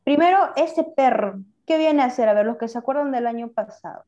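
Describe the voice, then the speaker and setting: A woman's voice: a little high, a little fast, warm tone, dull audio. A woman teacher, giving a class and asking her students questions, then praising their answers. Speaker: language teacher. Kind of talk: online class lesson.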